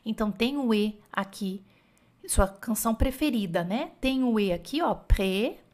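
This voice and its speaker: A woman's voice: medium pitch, animated, normal speed, a little mellow. A woman teaching French in a casual online lesson, chatty and encouraging, often thinking aloud and correcting herself. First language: Portuguese.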